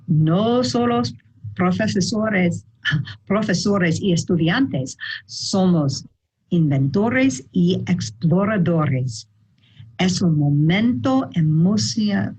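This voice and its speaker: A woman with an American accent in her Spanish reads a prepared welcome speech as a school principal. Her voice is husky and a little low. She goes slowly and carefully, halting now and then as a native English speaker working in a second language. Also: a little mellow, poor audio.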